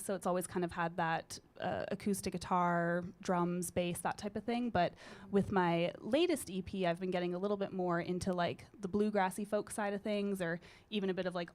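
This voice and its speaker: Into a studio microphone, a Canadian singer-songwriter from British Columbia, a woman in her thirties, chats casually as a radio guest. Her voice is low with a slight grit, and she rambles in a relaxed way, dropping in frequent fillers throughout the easygoing interview.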